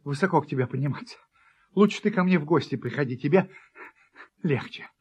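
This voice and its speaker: A man's voice: fairly high pitch, expressive, fairly quick, a little mellow, breathy edge. A man voicing a cheeky, playful male puppy in a storybook reading, brash and eager to argue. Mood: insistent. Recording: dull lo-fi recording.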